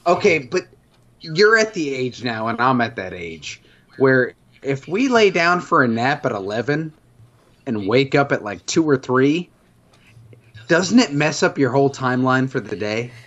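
A man's voice: medium pitch, sing-song, a little slow, a bit bright. A middle-aged man with a New York accent co-hosting a podcast, telling stories in a sarcastic, profane casual chat. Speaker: podcast co-host. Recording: dull lo-fi sound.

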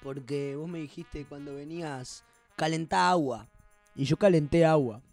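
A man's voice: on the high side, normal speed, vocal fry, a little mellow, soft background music. A man hosting a podcast, bantering and teasing his co-host in mock outrage. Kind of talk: casual joking chat. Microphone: studio podcast microphone.

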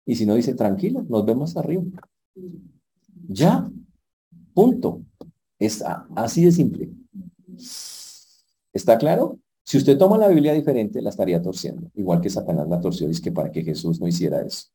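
Brief: male preacher, dark and mellow voice with some husk, direct and joking. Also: lowish voice, sing-song, slightly rough, poor audio. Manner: direct, humorous, quick swings in volume. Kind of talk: sermon.

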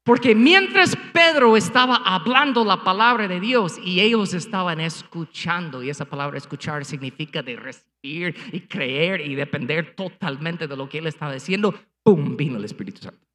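A pastor preaches a sermon to his congregation in a church sanctuary, and the service is also streamed online. His fairly high, expressive voice moves at a moderate pace with a sharp tone and a big-room sound. He speaks emphatically, using rhetorical questions and punchy sound effects.

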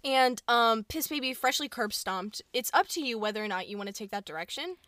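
A woman's voice: fairly high pitch, expressive, fairly quick, a bit bright, dry recording. A young woman co-hosting a podcast in casual chat, playful and teasing, often breaking into laughter. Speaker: podcast co-host.

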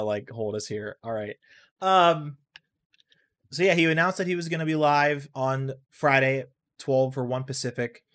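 Rambling man hosting a casual podcast. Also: mid-range voice. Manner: rambling, offhand, swears now and then; reacts aloud to a video game while talking. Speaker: podcast host. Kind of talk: casual solo podcast chat.

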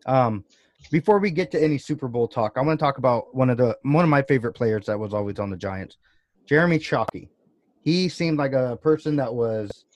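Rambling podcast host, dry close sound. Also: male voice, medium pitch, a little mellow, no echo. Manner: loose, rambling questions with restarts. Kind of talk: casual interview chat.

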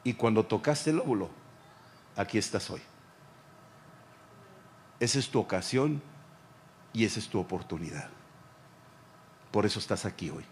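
A pastor preaching a sermon, speaking directly to the listener and acting out the voices of Bible figures. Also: male voice, lowish voice, expressive, moderate pace, long pauses, slight background noise.

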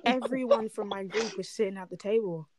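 A young woman chatting casually, telling a story in an animated way and laughing along. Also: medium pitch, brisk. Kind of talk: casual chat.

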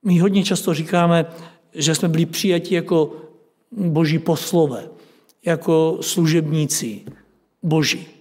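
A man's voice: on the high side, fairly even intonation, pauses often, a little mellow. A man preaching at a Bible study, reading scripture aloud with rising emphasis and putting questions to his listeners. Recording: long hall reverb.

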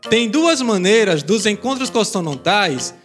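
A man's voice: high voice, big pitch swings, measured pace, fairly bright tone, soft background music, full character voice. A man voicing a cheerful, helpful young schoolboy in a children's educational audio drama. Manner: cheerful, helpful, explains patiently.

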